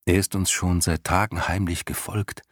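A man voicing a kind, gentle young boy who speaks earnestly and soothingly, sometimes in a soft whisper. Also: low-pitched, level tone, normal speed, no echo, studio quality.

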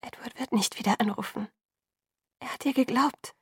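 A woman reading an audiobook, voicing a sharp-tongued, fierce young woman with cutting, clipped lines. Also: on the high side, brisk, dry recording, clean studio sound, voice pushed up. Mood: urgent.

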